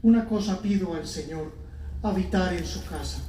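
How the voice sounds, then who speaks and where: Reading scripture and psalms at Mass, a man speaks at normal speed in a high-pitched, warm voice, solemn and formal. The recording has church echo, a distant mic and faint background noise.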